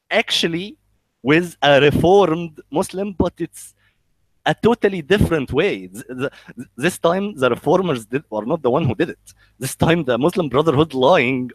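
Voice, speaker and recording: A fairly high-pitched man with an Egyptian accent talks casually, bluntly, and with swearing and jokes, his speech halting as he repeats word starts. There's no room sound, though the recording is rough.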